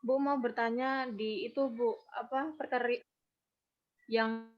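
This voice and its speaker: A woman student asking a question in an online class, polite and hesitant, pausing as she searches for words. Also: a little high, fairly even intonation, lo-fi sound.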